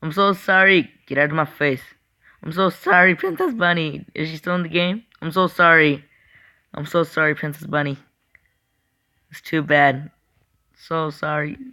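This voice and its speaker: A young man giving casual, chatty gameplay commentary, excitable and apologetic, talking straight to his viewers. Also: on the high side, moderate pace, long pauses, clean tone. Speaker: gaming channel host.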